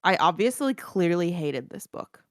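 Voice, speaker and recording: A woman's voice: on the low side, expressive, measured pace, dry recording, studio quality. A woman co-hosting a podcast in casual chat, blunt and emphatic, swearing often. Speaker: podcast co-host.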